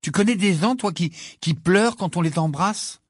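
A man voicing Ron, a cheeky, excitable teenage boy who talks in an eager, teasing, blunt way. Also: fairly high pitch, moderate pace, no room sound, clean studio sound, voice pushed up.

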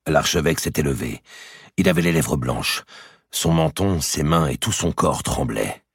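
Very deep, gravelly male narrator. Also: lively intonation, normal speed, no room sound. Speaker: audiobook narrator. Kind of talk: scripted narration of a historical novel. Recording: dry close recording.

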